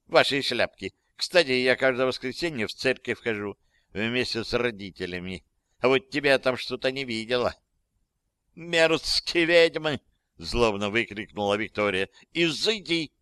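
A man narrates a story with lively delivery and gives voices to the characters. His tone is bright and crisp. The recording is dry and close. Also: medium pitch, moderate pace, no echo. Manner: lively, acting out dialogue. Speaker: audiobook narrator. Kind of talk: scripted narration.

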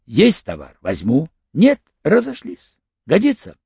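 A man voicing Fomin, a sly, wary older male crook who haggles in a cagey, hoarse voice, in an audiobook. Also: fairly high pitch, wildly swooping pitch, unhurried, darkish tone, dry recording, highs cut off, voice pushed up, full character voice. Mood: cagey, bargaining.

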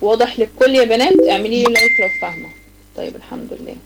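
Teaching girls tajweed online, a fairly high-voiced Quran recitation teacher with an Egyptian Arabic accent breaks down each rule and keeps asking questions. When she reaches the examples, she recites them slowly, stretching them out. The audio is very noisy.

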